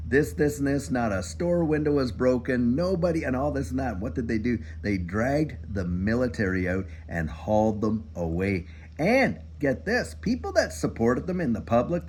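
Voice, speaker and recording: A man's voice: mid-range voice, darkish tone, a little hiss or hum. An older man from Canada hosting a casual morning coffee chat, folksy and emphatic, often repeating "I'll tell you what". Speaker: commentary channel host. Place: home, living in the US.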